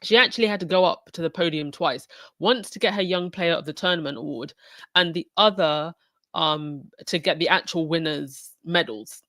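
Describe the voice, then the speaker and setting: A woman from England, sniffling from a cold, hosts a casual livestreamed podcast and chats with frequent fillers and restarts. Her voice is fairly low and fairly bright, at a normal pace, in a dry recording.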